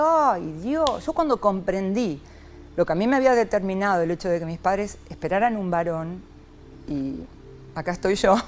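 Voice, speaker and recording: In this reflective interview, a woman psychologist from Argentina talks with lively expression, frequently adding a rhetorical "¿no?". She has a mid-range voice, and there is slight noise in the background.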